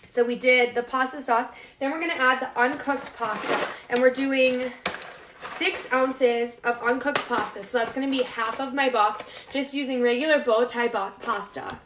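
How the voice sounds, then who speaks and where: A woman's voice: high voice, fairly even intonation, moderate pace. A woman in her thirties with a North Dakota accent, hosting a casual cooking livestream and chatting informally straight to viewers. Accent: North Dakota, upper Midwestern American. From Las Vegas, United States. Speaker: host of a live cooking show. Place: home kitchen, indoors. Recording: echoey room, clearly noisy with clicks.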